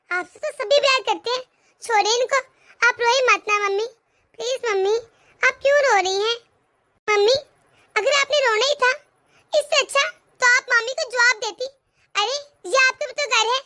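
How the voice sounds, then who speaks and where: A woman's voice: very high voice, pushed and bright. A woman voicing a spirited young girl in a cartoon, speaking with hurt, outspoken indignation. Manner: pleading, indignant. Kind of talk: animated cartoon voice acting.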